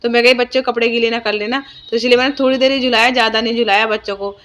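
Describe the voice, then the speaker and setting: A woman's voice: fairly high pitch, steady tone, very fast, fairly bright tone. A young woman vlogger, narrating her day in a chatty, homely way with lots of fillers. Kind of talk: casual vlog voice-over narration.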